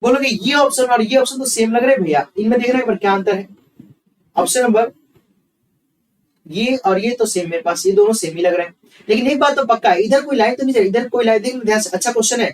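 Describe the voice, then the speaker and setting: Quick, high-voiced man teaching. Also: far from the mic, low-quality recording. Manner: talks himself through sums aloud, repeating each step; calls students bhaiya, asks questions and answers them himself. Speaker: reasoning teacher. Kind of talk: online exam-prep class.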